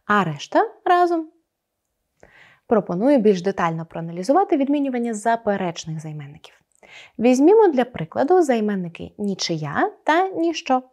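A woman teaching an online grammar lesson, explaining clearly and stressing each example word. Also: fairly high pitch, very animated, moderate pace, darkish tone.

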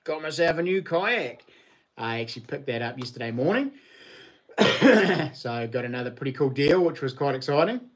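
A middle-aged man with a broad New Zealand accent, chatting casually and matily to viewers as a livestream host, in a laid-back, slangy way. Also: medium pitch. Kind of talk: casual chat to live viewers. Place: living room at home.

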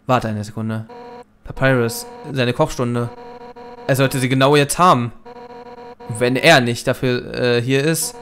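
A man's voice: medium pitch, fairly even intonation, unhurried, slight background noise. A man reading a brash fish warrior captain. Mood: reflective. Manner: boisterous, loud bursts, chuckling. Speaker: Let's Play gamer reading dialogue. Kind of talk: reading game dialogue aloud.

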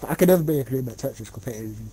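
A young man streaming a game and chatting with friends, excitable, yelping and laughing often. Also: mid-range voice, very fast, husky. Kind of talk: casual gaming chat with friends.

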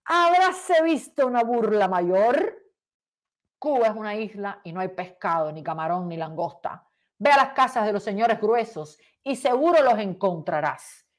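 A woman's voice: mid-range voice, animated, normal speed. A woman talk show host, reading a letter aloud in an indignant, dramatic way with emphatic stresses.

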